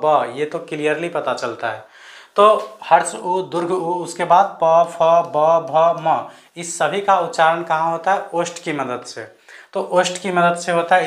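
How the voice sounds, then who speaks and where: A male teacher with a slightly high voice gives an online grammar lesson. He drills lists of letters slowly and repeats them, asking viewers to try them aloud. The room around him sounds echoey. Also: a bit bright.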